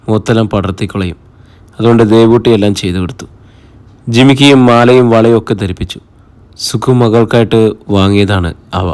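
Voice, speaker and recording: A man reading a novel aloud as an audiobook narrator, in steady, measured scripted narration. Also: lowish voice, smooth.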